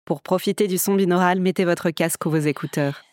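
A woman's voice: fairly low pitch, fairly even intonation, a little fast, darkish tone, dry recording, clean studio sound. A woman hosting a podcast, narrating a scripted story in a theatrical storyteller's way. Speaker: podcast host and actress. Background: music.

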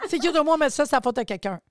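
A woman with a Quebec French accent hosting a podcast interview, chatty and colloquial. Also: sits high. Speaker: podcast host. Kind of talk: casual interview chat.

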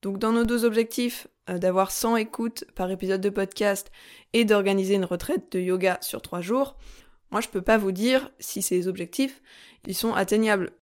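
A woman hosting a solo podcast, explaining things calmly and step by step with frequent fillers. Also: mid-range voice, moderate pace. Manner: calm, methodical, step-by-step teaching with frequent fillers. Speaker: podcast host.

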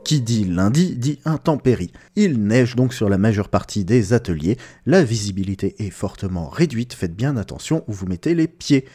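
A man's voice: lowish voice, expressive, normal speed, hardly any pauses, warm tone, breathy edge, soft background music. A man playing an upbeat morning newsreader on a Christmas elves' radio station, reading a scripted comic bulletin in a playful announcer manner. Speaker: radio news presenter.

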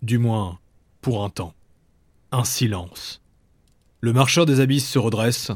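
Man narrating a dramatic fantasy tale. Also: medium pitch. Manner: measured, dramatic storytelling. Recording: background music.

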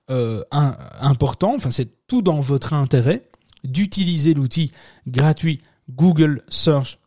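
A man's voice: fairly high pitch, mellow, dry recording, studio quality. A francophone man hosting a live podcast from home, explaining casually with many fillers and restarts, laughing at his own asides. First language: not French-born, francophone. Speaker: podcast host.

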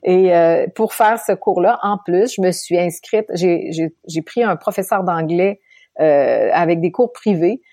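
A woman from Quebec with a Québécois accent, telling her story as an interview guest, animated and laughing often. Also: fairly low pitch, a little slow, dry recording, studio quality. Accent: Québécois French. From Quebec, Canada.

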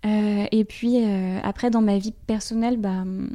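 A woman guest in a podcast conversation, speaking candidly in a halting way, with many fillers and frequent laughs. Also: medium pitch, fairly even intonation, dark tone. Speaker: interview guest, brand designer.

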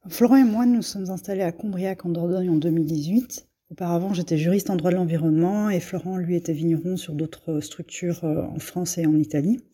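A woman's voice: lowish voice, a little fast, few pauses, warm tone, slightly rough. A middle-aged woman from Belgium, a farmer and forager, telling her story in a hesitant way with many fillers and restarts. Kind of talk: casual spoken testimony.

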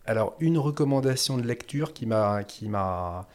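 A man's voice: on the low side, expressive, moderate pace, darkish tone. A man speaking as a podcast guest in a casual interview, hesitant, with many fillers and restarts.

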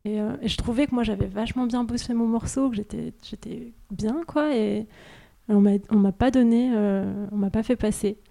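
A woman gives a personal testimony, stopping and restarting as she goes. Her voice is gravelly and dark. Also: fairly high pitch, fairly even intonation. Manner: hesitant, halting storytelling.

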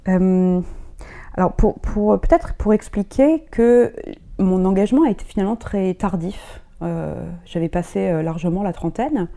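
A middle-aged woman raised in Germany speaks as a guest in a casual interview, her mellow, medium-pitched voice moving at a normal speed. She sounds hesitant, restarting often and using lots of fillers.

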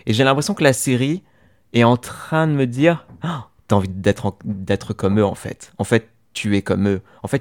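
A man chatting casually as a podcast co-host, telling a long story with many restarts and hesitations. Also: mid-range voice. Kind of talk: casual chat about a TV series.

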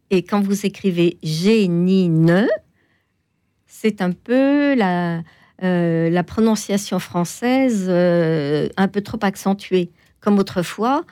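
A woman guest explaining things in an interview, hesitant, with many pauses and fillers. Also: lowish voice, warm tone, no room sound. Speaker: toponymy expert guest. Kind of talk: interview answers.

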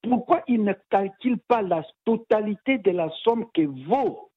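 A man's voice: high-pitched, moderate pace, slightly rough, no room sound. A man leaving an answering machine message for a radio show, speaking rhetorically and with passion, posing questions to the listeners. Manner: rhetorical and impassioned, poses questions. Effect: voicemail message played on air. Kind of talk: spoken opinion message. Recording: dry tinny phone-line voicemail.

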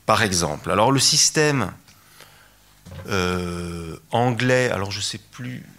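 A man's voice: lowish voice, expressive, slow, pushed and bright. A man giving a lecture talk, hesitant, with many fillers and restarts. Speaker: conference speaker.

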